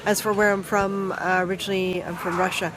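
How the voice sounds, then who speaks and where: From a flea market stall, a Toronto vlogger chats casually with live viewers, rambling with many restarts and trailing asides. The medium-pitched voice is level and a little fast, captured on a handheld phone amid a busy outdoor market crowd with music in the background.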